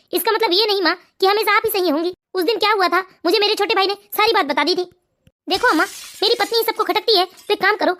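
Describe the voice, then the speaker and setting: An actor doing a cartoon husband with a strikingly high, fast voice, earnest and pleading as he tries to calm his family. He is the steady son caught between his mother and his wife. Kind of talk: animated moral story voice acting.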